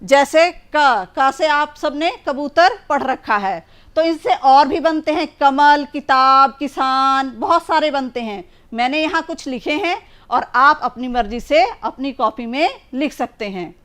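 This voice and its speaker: Woman, primary teacher, children's lesson, high-pitched, slow, patient, drawn-out words. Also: animated, fairly bright tone.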